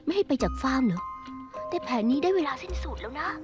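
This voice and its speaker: A woman dubbing a scheming young woman in a Thai drama dub; she is anxious and defiant, and her delivery is quick and exclamatory. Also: high voice, very animated, over music.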